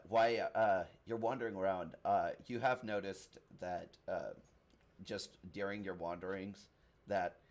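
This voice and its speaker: A man narrating a tabletop game as game master in a casual, halting way. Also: low voice, a little mellow. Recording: faint background noise.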